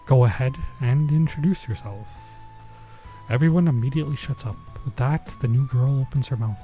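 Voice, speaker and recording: A man with a warm, medium-pitched voice plays through a visual novel on stream at a moderate pace, reading the story aloud. He adds bemused, informal asides as game music plays underneath.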